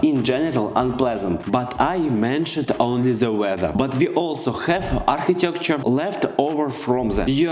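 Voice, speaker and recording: A man's voice: mid-range voice, darkish tone, reverberant. A man from Russia with a Russian accent, a native Russian speaker, earnestly explaining things to his viewers in broken, non-native English. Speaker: vlogger. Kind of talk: explanatory video monologue.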